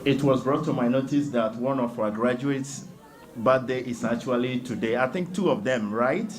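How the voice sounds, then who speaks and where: A man's voice: medium pitch, normal speed. A man hosting a graduation ceremony, speaking informally and getting the audience to sing. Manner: informal, leads the crowd in song. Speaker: ceremony host. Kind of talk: ceremony announcements. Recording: PA mic with loud crowd.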